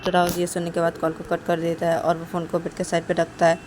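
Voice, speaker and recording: A woman's voice: fairly low pitch, monotone, fast talker, darkish tone, a little hiss or hum, poor audio. A woman telling a romance story, linking events with repeated connecting words in a plain narrating voice. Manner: repetitive, linking clauses with "then".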